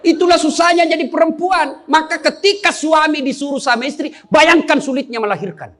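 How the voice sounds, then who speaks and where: A man's voice: extremely high pitch, a little fast, fairly bright tone. A man giving a humorous sermon, joking and teasing his listeners with questions. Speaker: Islamic preacher.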